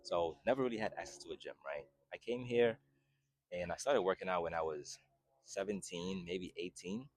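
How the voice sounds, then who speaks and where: Speaking casually to the camera, a man in his twenties from Haiti works as a fitness vlogger and personal trainer, frequently checking in with "right?" He has a deep, animated voice at a moderate pace.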